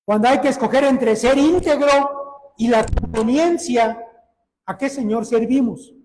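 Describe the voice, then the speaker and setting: A man's voice: extremely high pitch, unhurried, a little mellow, long reverb tail, a little hiss or hum, low-quality recording. A man preaching a sermon in an earnest manner, asking his listeners direct questions.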